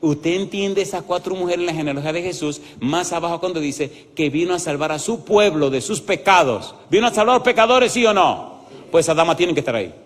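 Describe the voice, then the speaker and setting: A man preaching a sermon as pastor, animated and asking his audience yes-or-no questions. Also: a little high, a little fast. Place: church hall. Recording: long hall reverb.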